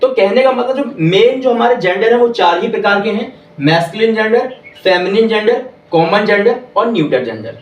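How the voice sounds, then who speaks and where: A man teaching English grammar in a classroom, repeating each point slowly and quizzing the listeners. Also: high-pitched, animated, dull audio, a little hiss or hum. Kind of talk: classroom lesson. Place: classroom with whiteboard. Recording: echoey room, voice from far off.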